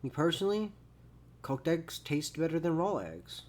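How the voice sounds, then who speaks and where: A man co-hosting a casual podcast chat who rants loudly, swears and jokes around. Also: fairly high pitch, big pitch swings, moderate pace. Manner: loud, joking, profane rants with mock voices. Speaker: podcast co-host.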